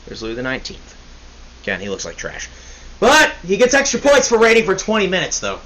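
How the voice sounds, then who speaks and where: Young man, podcast host, casual history chat, rambling, joking, slightly high voice. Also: wildly swooping pitch, brisk, pushed and bright, low-quality recording. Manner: rambling, joking, self-correcting. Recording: faint hiss.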